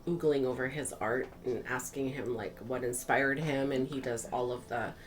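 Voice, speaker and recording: Speaking at a normal speed in a bass voice, this woman vlog host shares personal stories casually and with animation. She performs bits of dialogue as she tells them.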